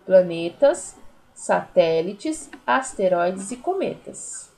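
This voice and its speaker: A woman's voice: medium pitch, sing-song, slow pace, vocal fry, mellow, low-quality recording. A woman teacher with a Brazilian Portuguese accent, patiently explaining a lesson to young pupils, counting syllables aloud and using many diminutives. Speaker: primary school teacher. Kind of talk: recorded remote class lesson.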